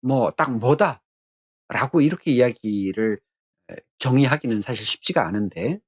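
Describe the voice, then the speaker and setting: A male technical instructor lectures in a husky, mid-pitched voice with lively intonation. His explanations are deliberate and halting, with frequent pauses between short phrases, and the recording sounds slightly dull and muffled.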